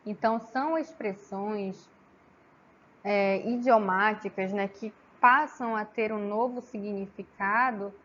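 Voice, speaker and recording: A woman from gives an academic talk, halting, with frequent tag questions and restarts. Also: on the high side, a bit bright, slight background noise. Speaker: student presenter. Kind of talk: academic oral presentation. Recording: slightly dull lo-fi with faint ambience.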